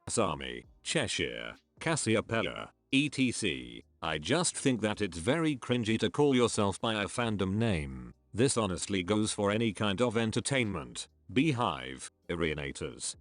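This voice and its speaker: A male text-to-speech robot voice reading online posts aloud. It sits fairly low and swings widely in pitch. The sound is close and dry, with no room around it. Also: no room sound. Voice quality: synthetic, machine-generated. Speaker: computer voice reading forum posts.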